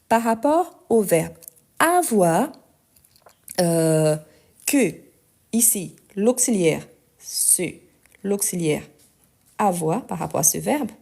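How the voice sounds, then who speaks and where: Slow-speaking Lyon-accented woman teacher. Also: medium pitch, creaky, darkish tone. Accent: Lyon French. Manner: slow, deliberate, exasperated asides. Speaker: French teacher. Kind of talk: live-streamed language lesson.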